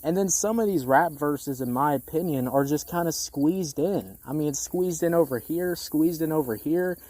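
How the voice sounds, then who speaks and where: A music critic with a mid-range, dark-toned voice reviews an album at a moderate pace, and the recording has no echo. He's casual and opinionated, speaking bluntly, swearing offhandedly and repeating phrases to drive his points home.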